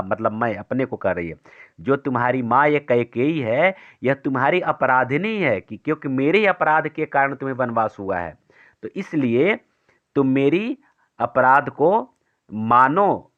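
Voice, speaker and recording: Man teaching a poetry class, lo-fi. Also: medium pitch. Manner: explains step by step, asks and answers own questions; recites verse slowly and haltingly. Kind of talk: Hindi poetry lesson for board exam students.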